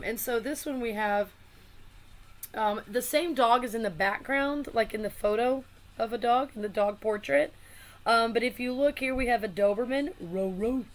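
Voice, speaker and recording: A woman's voice: medium pitch, a little hiss or hum. A woman casually showing a deck of cards on her channel, chatty and rambling, full of fillers and asides. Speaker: tarot and oracle deck reviewer.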